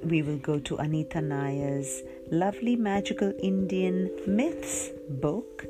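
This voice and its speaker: A woman with a slightly low voice reads and chats as a children's storytelling host. Her manner is cheery and affectionate toward young listeners. Plucked guitar music plays clearly behind her. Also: slow. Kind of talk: reading and chatting for children.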